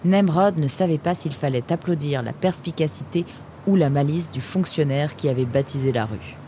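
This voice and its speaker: Conteuse à la voix grave. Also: female voice, low voice, moderate pace, dark tone, a little hiss or hum. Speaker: narrator. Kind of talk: scripted audiobook narration.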